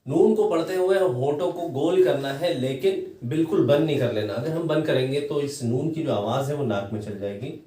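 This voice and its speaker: A man's voice: medium pitch, dark tone. Patient male Quran teacher, chants the letters, distant mic in an echoey room. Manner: patient, repeats each letter in a drawn-out chant. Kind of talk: recorded lesson for children.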